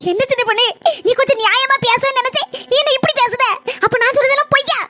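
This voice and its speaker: A woman's voice: extremely high pitch, fast, sharp tone, slight background noise. A woman voicing a scheming mother-in-law who pleads her innocence with a Kanyakumari Tamil accent, repeating her words insistently. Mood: pleading. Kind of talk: cartoon voice acting.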